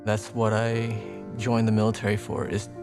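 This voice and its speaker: Flat-voiced earnest young man. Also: lowish voice, over music. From Texas, United States. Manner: earnest, measured, with small restarts. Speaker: Navy veteran. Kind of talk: documentary interview.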